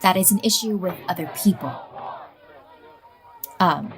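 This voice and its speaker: Young woman, low voice, faint crowd behind. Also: measured pace. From USA. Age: young adult. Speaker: youth activist. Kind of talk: personal testimony interview.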